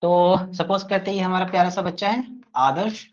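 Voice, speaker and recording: A man's voice: sits high, normal speed, darkish tone, highs cut off. A man teaching an online grammar class, playful and teasing his students as he explains. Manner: addresses students fondly as kids.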